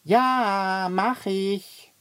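A woman voicing a small, cheerful male kobold in a children's audiobook, with a bright, eager storybook voice. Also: on the low side, sing-song, takes it slowly, husky, dry recording, full character voice.

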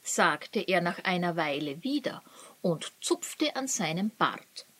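A woman narrating a children's story in a calm, even storytelling manner. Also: fairly low pitch, slow pace, slightly rough.

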